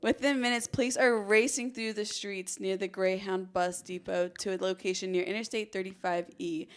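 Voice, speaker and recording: A young American woman from Arizona hosts a podcast, recounting a true crime story in a chatty, informal, conversational way. Her mid-range voice is clear with a resonant tone.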